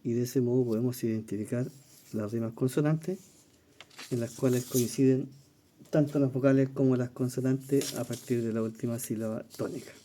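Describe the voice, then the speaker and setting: A Chilean man with a very dark, mellow voice leads an exam-prep lesson. He explains each question patiently, thinking aloud, pausing on fillers and asking "¿ya?" as he goes. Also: medium pitch, steady tone, slight background noise. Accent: Chilean Spanish. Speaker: teacher reviewing exam questions.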